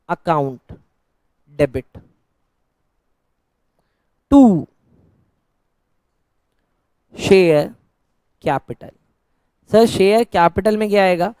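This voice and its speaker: In a classroom-style Hindi lecture on accounts, a man poses questions and answers them himself as though he were the students, mixing in teasing and scolding banter. His voice sits high and is smooth with a darkish tone, on a dry recording.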